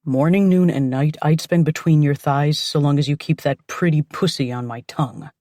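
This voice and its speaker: A dominant, possessive man from an audiobook romance, speaking low and deep, as a woman puts him on. His commanding murmur comes out gravelly and husky. The recording is dry and close. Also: steady tone, slow, no echo, heavily acted. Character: dominant, possessive adult male lover.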